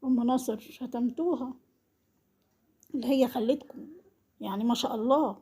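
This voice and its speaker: A woman's voice: on the high side, normal speed, warm tone, breathy edge. A woman with an Egyptian Arabic accent who delivers a scolding monologue as a vlogger and repeats the same accusing questions again and again. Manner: reproachful, hammers the same accusing questions over and over. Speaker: vlogger commenting on an online family feud.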